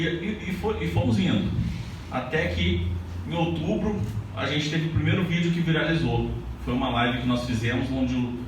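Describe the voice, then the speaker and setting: Speaking to a live audience at his indoor book launch, an author from Paraná, Brazil, keeps things casual and frequently breaks off to restart his sentences. His mid-range voice is far from the mic and heavily echoey, set against noticeable room ambience and background noise.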